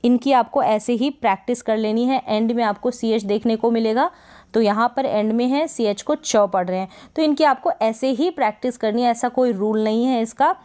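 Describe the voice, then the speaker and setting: Smooth-voiced woman teaching phonics. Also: on the high side, darkish tone. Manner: slow, repetitive word-by-word drilling. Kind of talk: English phonics lesson in Hindi.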